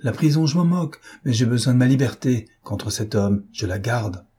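A man voicing a proud, defiant gentleman thief in an audiobook, mocking and self-assured. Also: medium pitch, expressive, moderate pace, breathy edge. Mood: forceful. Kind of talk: audiobook character reading.

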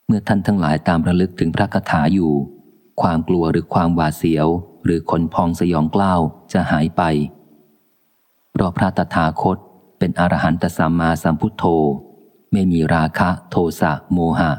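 A man reading a biography of a revered monk aloud, in a slow, measured, solemn recitation. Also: sits low, steady tone, a little mellow, big-room sound. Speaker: audiobook reader. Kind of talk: calm scripted book reading.

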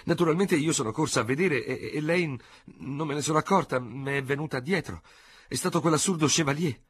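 A man's voice: on the high side, fairly quick, slightly rough, no room sound, studio quality, pitched above the performer's own voice. A man voicing a fussy, talkative older noblewoman in an audiobook, chattering breathlessly. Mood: flustered. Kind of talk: audiobook character voice.

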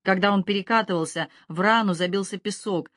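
A woman narrating a thriller audiobook in a steady, even reading manner. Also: mid-range voice, a little fast, dry recording, clean studio sound. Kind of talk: scripted narration.

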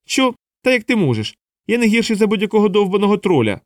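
A man voicing a touchy male dwarf who bursts out in a high, shrill voice. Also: big pitch swings, fast, no echo, clean studio sound. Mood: indignant.

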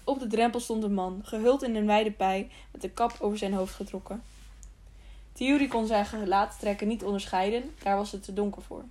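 A woman's voice: medium pitch, moderate pace, a little hiss or hum. Woman reading a children's novel aloud. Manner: steady reading with occasional slips and restarts. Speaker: audiobook narrator.

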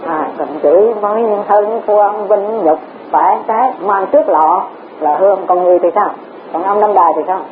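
A woman's voice: mid-range voice, moderate pace. A woman giving a Buddhist Dharma talk, repeating words and asking rhetorical questions. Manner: repetitive, rhetorical questions, chuckles often. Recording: tinny lo-fi recording with faint hiss.

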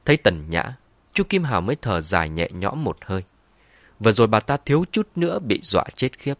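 A man narrating a web novel audiobook in an expressive, dramatic reading. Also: fairly low pitch, fairly quick, dry recording.

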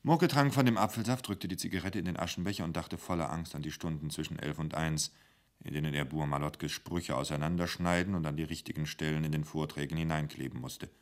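A man reading a short story for radio in a measured, dry manner. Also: very deep voice. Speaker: narrator.

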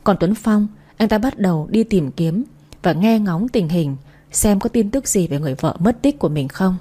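A woman narrating a novel in a steady storytelling manner. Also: mid-range voice, moderate pace, slightly rough. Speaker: audiobook narrator.

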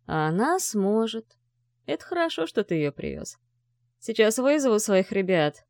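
A woman's voice: medium pitch, very animated, normal speed, darkish tone, no room sound, pitched above the performer's own voice. A woman reading an audiobook, voicing a menacing, mocking rich father who growls harsh orders at his son. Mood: coldly businesslike. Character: menacing, scornful rich older father, a man.

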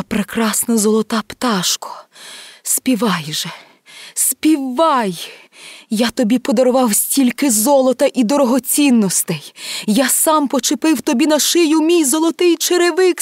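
A woman reading a fairy tale aloud and voicing a dying old emperor who cries out high, strained and drawn-out. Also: breathy edge, no echo, studio quality. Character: dying old male emperor, frightened and pleading. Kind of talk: storybook reading.

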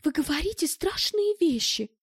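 A woman's voice: very high-pitched, sing-song, moderate pace, dry recording, studio quality, voice pushed up, exaggerated voice. A woman reading an audiobook and voicing a prim, round-eyed wife who is fussy and easily shocked.

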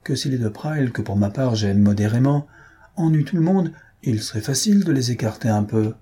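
A man's voice: mid-range voice, animated, brisk, warm tone, slightly rough. A man voicing an elderly dowager. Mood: judicious.

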